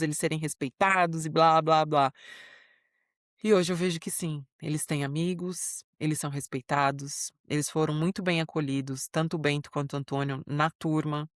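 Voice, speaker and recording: In a casual chat between friends, a Brazilian woman co-hosting a podcast tells stories with a warm, proud, easygoing manner and lots of fillers. Her low voice has a Brazilian Portuguese accent, recorded with clean studio sound and no room noise.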